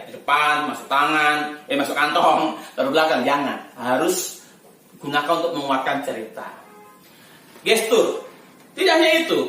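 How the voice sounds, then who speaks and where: A bright, high-voiced man leads a storytelling lesson in a chatty, laughing way, his pitch swinging up and down. He stands a little away from the mic, and the room rings with strong echo. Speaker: storytelling teacher. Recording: echoey room from far off.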